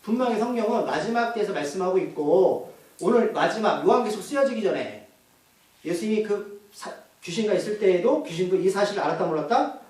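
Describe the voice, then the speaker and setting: A male pastor preaches a sermon in a church, asking the congregation questions and answering them himself. His high, slightly mellow voice has lively intonation and moves a little fast. The recording is distant, in an echoey church hall.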